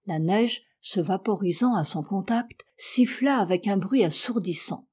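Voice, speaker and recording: A woman reading a classic adventure novel aloud in a steady, measured narration. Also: mid-range voice, husky. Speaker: audiobook reader.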